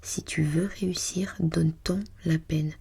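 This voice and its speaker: A woman whispering breathily as in a library, reading aloud for ASMR in a hushed, unhurried, musing way. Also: low voice, steady tone, creaky, husky. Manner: hushed, unhurried, murmuring to self while reading. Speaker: ASMR host.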